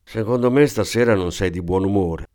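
A man reading aloud and voicing an eager, clumsy small-time thief with a wheedling, excitable manner. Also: low voice, moderate pace, close to an everyday voice. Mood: coaxing. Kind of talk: audiobook character voice.

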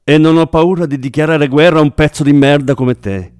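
A man's voice: on the high side, fairly even intonation, fairly quick, a little mellow, smooth, dry recording, clean studio sound, pitched above the performer's own voice, lightly acted. A man voicing a hard-bitten middle-aged partner in crime, blunt and combative. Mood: threatening.

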